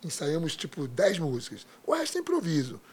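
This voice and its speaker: A man, a singer, telling animated stories on a talk show, often laughing as he speaks. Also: a little high, fairly quick, slightly rough. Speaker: guest, singer. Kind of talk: casual interview chat.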